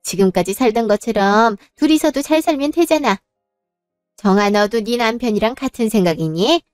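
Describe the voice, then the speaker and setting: A woman's voice: a little high, animated, moderate pace, no echo, studio quality, soft background music, lightly acted. A woman playing a domineering scolding mother. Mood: indignant. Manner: scolding, indignant. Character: domineering older mother who favors her eldest son. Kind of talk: dramatized story narration.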